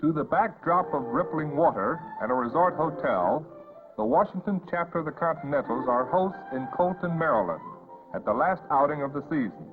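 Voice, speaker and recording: A man's voice: on the high side, animated, normal speed. An American man reading scripted 1950s newsreel narration in an announcer's delivery. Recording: muffled vintage newsreel audio, phone-like band. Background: loud background music.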